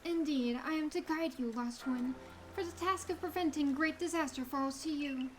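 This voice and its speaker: A woman acts out a stately female sage from a fantasy game, high in pitch. She speaks formally and gravely in cryptic, old-fashioned phrases, with music behind. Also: moderate pace, natural voice. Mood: grave, instructive. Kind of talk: reading game dialogue in character.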